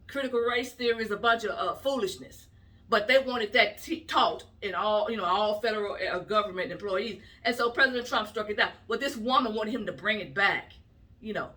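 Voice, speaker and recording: Woman ranting on her commentary vlog, emphatic, bright tone, a bit far from the mic. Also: medium pitch, a little fast. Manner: emphatic, indignant, conversational. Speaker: political commentator. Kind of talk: opinion vlog.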